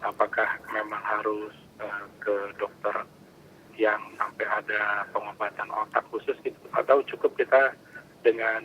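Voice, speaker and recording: A man's voice: fairly low pitch, flat delivery, measured pace, sharp tone. A man phoning in, asking questions in a respectful, hesitant way. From Jakarta. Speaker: caller, a father asking advice. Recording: dull phone line, faint noise.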